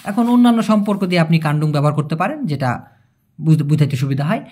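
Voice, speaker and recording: Lively language teacher. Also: medium pitch, quick pace. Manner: asks rhetorical questions and answers them, repeats words for emphasis; informal, chatty explaining with everyday examples. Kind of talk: casual video lesson.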